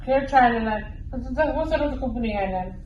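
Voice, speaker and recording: Higher-pitched West of Ireland woman, echoey room. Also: animated, fast talker, lo-fi sound. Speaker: campaign interviewee. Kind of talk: informal interview answers. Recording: echoey room, distant mic, faint noise.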